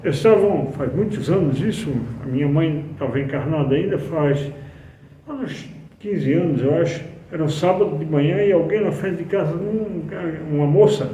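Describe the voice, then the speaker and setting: A man's voice: a little high, moderate pace, warm tone, a little hiss or hum. A middle-aged man giving a spiritist talk, earnestly telling personal anecdotes with frequent restarts. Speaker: speaker at a spiritist center. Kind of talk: spiritist talk, sermon-like storytelling. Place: hall of a spiritist center. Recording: echoey hall, distant mic, faint ambience.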